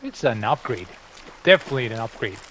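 A man's voice: medium pitch, very animated, a little fast, a bit bright, a little hiss or hum. Chatty man doing gameplay commentary. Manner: chatty, upbeat, rambling asides. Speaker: gaming channel host.

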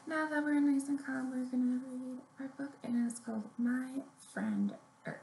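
This story-time host, a woman in her thirties, speaks to little kids in a high, slightly mellow voice with lively intonation at a moderate pace, giving them simple, encouraging instructions. Her audio, captured by a webcam or laptop at arm's length, carries room echo and noticeable background noise.

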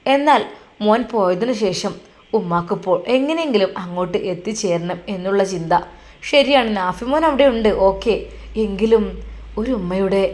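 A woman's voice: mid-range voice, animated, moderate pace, darkish tone. A woman narrating an Islamic family story in an earnest, emotive storytelling manner.

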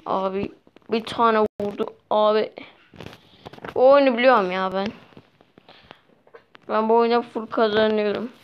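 A woman's voice: mid-range voice, fairly even intonation, unhurried, pauses often, clean tone. A young woman giving casual commentary while playing a mobile game, chatty and easily exasperated as she talks to her viewers. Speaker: mobile gameplay vlogger. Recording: dull lo-fi sound with faint noise.

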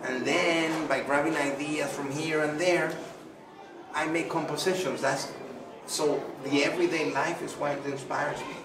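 In a small room, a child interviews a middle-aged Venezuelan artist who responds with effusive, filler-heavy chatter. His voice is on the high side, steady and unhurried. The sound is noisy and echoey, captured from a distant mic.

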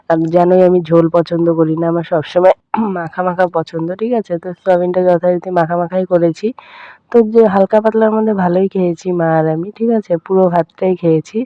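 A woman's voice: lowish voice, no room sound, lo-fi sound. A young woman casually narrating her day in a home vlog voice-over, chatting to viewers as friends and often adding "all right". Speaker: daily-life vlogger. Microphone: voice-over recorded separately.

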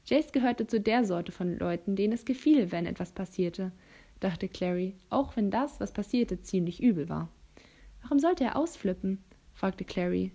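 A woman narrating an audiobook in a steady, measured reading voice. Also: medium pitch. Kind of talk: reading a novel aloud.

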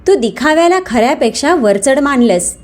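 Calm, firm older mother in a storybook, slightly high voice, read by a woman. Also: normal speed. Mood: stern. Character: calm dignified older mother, wealthy but humble.

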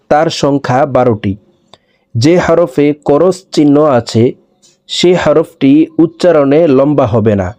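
A man's voice: a little high, dark tone. A man teaching the Arabic letters, saying each one twice and then spelling and explaining it. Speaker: Quran teacher. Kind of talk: slow step-by-step recitation lesson.

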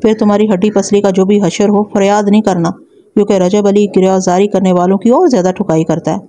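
A woman's voice: mid-range voice, steady tone, dark tone, natural voice. A woman reading the part of a stern, sarcastic male police inspector who questions a suspect with threats.

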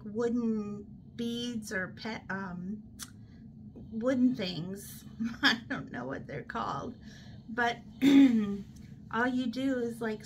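Slow-talking woman vlogging from a hospital bed. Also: fairly high pitch, slight background noise, rough recording. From United States. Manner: chatty, unhurried, laughs at herself. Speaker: crochet vlogger. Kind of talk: casual show-and-tell chat. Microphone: fixed camera in front.

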